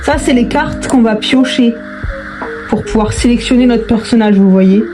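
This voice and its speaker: With a slightly high voice at a moderate pace, a woman talks informally to her viewers as she crafts in a tutorial video. Her speech is hesitant, full of repetition and trailing thoughts, set against background music.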